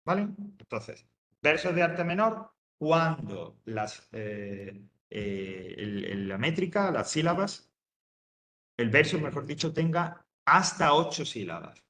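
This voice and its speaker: A man's voice: fairly high pitch, big pitch swings, slow, pushed and bright, echoey room. A man teaching a lesson to students, explaining step by step, often checking in and restarting his sentences. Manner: explanatory, checks with "¿vale?", many fillers and restarts. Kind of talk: lecture to students.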